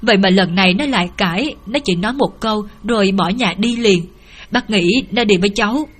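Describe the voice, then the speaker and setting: A woman's voice: mid-range voice, fairly quick, breathy edge, natural voice. Woman narrator as a distraught middle-aged mother, tearful, pleading.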